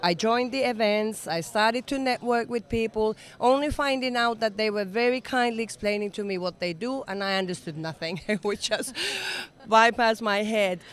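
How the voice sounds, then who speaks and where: Being interviewed conversationally at an event summit venue, a native Finnish-speaking woman from Finland in her sixties comes across as enthusiastic and earnest, her phrasing slightly non-native. She speaks at a normal speed in a smooth, fairly high-pitched voice.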